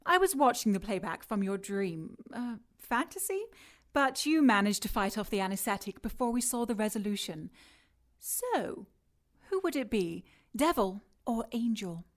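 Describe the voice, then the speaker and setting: Here the radio-drama actress is smug and probing as her condescending scientist villain taunts a captive in unhurried, clinical tones. Her voice is natural and fairly high-pitched.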